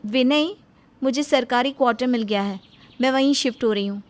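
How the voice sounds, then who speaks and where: A woman's voice: on the high side, fairly quick, pitched above the performer's own voice, close to an everyday voice. A woman voicing a proud, ambitious young wife who has become an officer, speaking in a haughty and dismissive way. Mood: cool. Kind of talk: Hindi storybook voice acting.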